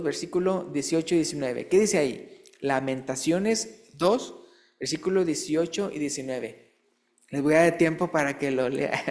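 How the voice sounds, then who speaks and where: A man preaches a sermon in a church, explaining things quietly before reading scripture in a high, drawn-out, emphatic voice, and he often asks his listeners questions. His voice has vocal fry.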